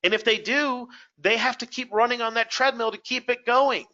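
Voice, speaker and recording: A man's voice: extremely high pitch, normal speed, pushed and bright, muffled recording. A man hosting a motivational webinar, talking conversationally and putting direct questions to his audience. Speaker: webinar host.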